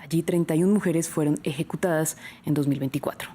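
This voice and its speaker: A woman presenting a news program, interviewing a guest and reading the stories in a steady, measured way. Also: low-pitched, a little hiss or hum.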